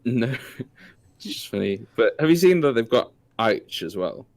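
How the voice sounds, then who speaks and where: A man's voice: mid-range voice, big pitch swings, normal speed, no echo. A British man in his thirties in casual chat, hesitant, with many fillers. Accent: British English. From England. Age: 30s. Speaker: podcast co-host.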